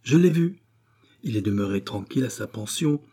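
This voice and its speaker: An eager, loyal revolutionary ally, as a man puts him on, pitched higher with excitement. The tone stays husky and dark in an audiobook reading. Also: normal speed.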